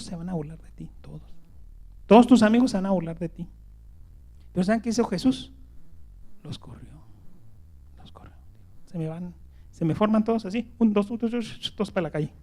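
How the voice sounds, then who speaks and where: High-voiced pastor preaching. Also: male voice. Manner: swings between loud emphasis and hushed whispers; repeats words and tags lines with "¿verdad?". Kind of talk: sermon.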